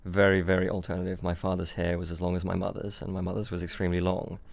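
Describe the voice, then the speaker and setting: A young man with a low, gravelly voice talks at a quick pace with a completely flat delivery. Swiss by birth and raised in Australia, he's a startup founder guesting on a podcast in London, keeping it casual while often repeating words and restarting sentences.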